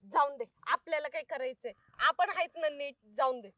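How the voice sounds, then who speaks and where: An actress playing a loud, bossy village woman who talks in a rustic, scolding way. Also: high voice, normal speed, no room sound. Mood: chatty. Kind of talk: comic web film acting. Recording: dull, dry film sound.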